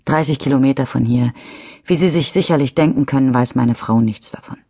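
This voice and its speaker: A woman giving voice to a rattled middle-aged driver, husky, stammering, defensive, audiobook character, dry close sound. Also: very deep voice, fairly quick, mellow, no echo, full character voice. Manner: shaken, stammering, turning defensive. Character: nervous middle-aged male driver after a crash.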